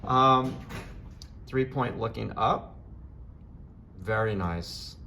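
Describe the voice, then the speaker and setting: A man's voice: on the low side, drawn-out words, vocal fry, sharp tone, a little hiss or hum. A man hosting a casual interview in a classroom as art teacher, gushing with praise. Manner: enthusiastic, effusive praise. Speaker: art teacher and video host. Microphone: handheld camera, no tripod.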